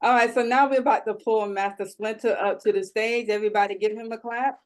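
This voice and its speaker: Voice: mid-range voice, steady tone, fairly quick. A panel moderator hosting a live event, upbeat and directing the audience.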